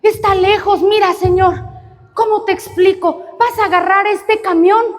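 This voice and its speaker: A woman's voice: very high voice, steady tone, a little slow, pitched above the performer's own voice. A woman playing a poor, desperate old grandmother who pleads insistently for help. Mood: explaining. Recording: reverberant hall.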